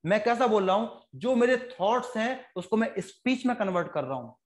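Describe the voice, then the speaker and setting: A high-pitched man with an Indian accent lectures a biology class. He talks quickly and jokes with his students, slipping into short voices for his stories. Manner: joking, animated, fast-talking lecturer who puts on quick voices for stories. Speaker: biology teacher.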